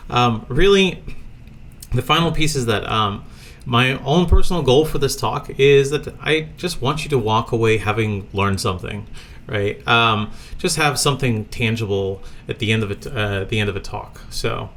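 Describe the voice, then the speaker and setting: A man from Latvia giving a tech conference talk, loose and conversational with frequent fillers. His voice has a gravelly edge at an ordinary middle pitch. He speaks at a desk webcam from a home office. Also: moderate pace, a bit bright. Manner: casual, conversational, many fillers.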